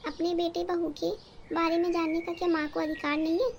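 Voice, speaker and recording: A woman's voice: very high-pitched, level tone, brisk, a little hiss or hum. A woman voicing an indignant young sister-in-law in a cartoon story, questioning sharply. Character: young sister-in-law, defensive of her mother.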